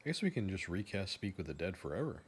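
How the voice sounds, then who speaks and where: A man's voice: deep voice, sing-song, quick pace, husky. A man giving casual game commentary, often reading on-screen options aloud. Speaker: gamer, channel host.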